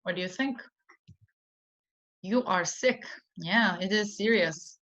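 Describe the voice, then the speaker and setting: Her mid-range voice is a bit bright and slow as she walks through an English idiom in an online vocabulary lesson that moves slowly. Patient and simple in her explanations, she often fills pauses with ums, all captured on a dull lo-fi recording.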